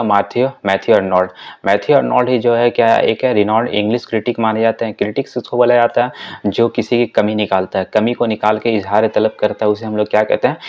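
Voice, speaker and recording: A man teaching an exam-prep lesson, asking and answering his own questions and reading quiz items aloud slowly. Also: fairly low pitch, a little mellow. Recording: dull lo-fi audio.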